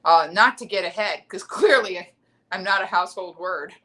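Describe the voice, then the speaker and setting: Bright-voiced woman comic telling stories. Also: mid-range voice, normal speed. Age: middle-aged. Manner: animated, self-mocking, acts out quoted voices. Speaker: stand-up comedian hosting a livestream. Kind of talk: casual storytelling monologue. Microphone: livestream webcam mic.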